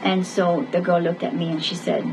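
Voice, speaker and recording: A woman's voice: on the low side, flat delivery, normal speed, noisy background. Earnest woman telling classroom stories. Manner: earnest storytelling, acting out quoted dialogue. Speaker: parenting educator. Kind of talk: webinar lesson with personal stories.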